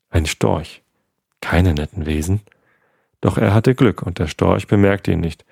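A man hosting a sleep podcast who calmly reads a bedtime story aloud, with small slips and restarts. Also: deep voice, gravelly, no room sound, clean studio sound. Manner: calm reading with small slips. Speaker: podcast host.

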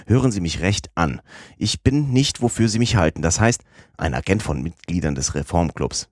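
A sly detective presses his case in a low, insistent tone, as a man reads him. The voice is deep and the recording dry and close. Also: lively intonation, moderate pace, dry recording. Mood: coaxing. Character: crafty English police detective, middle-aged man, persuasive.

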